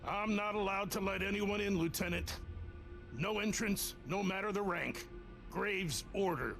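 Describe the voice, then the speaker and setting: Dutiful guard, high-pitched voice, deferential but insistent, video game, music behind. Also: male voice, measured pace, vocal fry. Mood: apologetic, firm. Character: dutiful, apologetic male guard refusing entry by orders.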